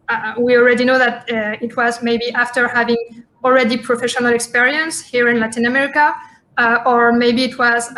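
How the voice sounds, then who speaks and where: Bright-voiced woman moderating. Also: on the high side. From France. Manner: hesitant, many fillers and restarts. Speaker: panel moderator. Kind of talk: conference panel moderation.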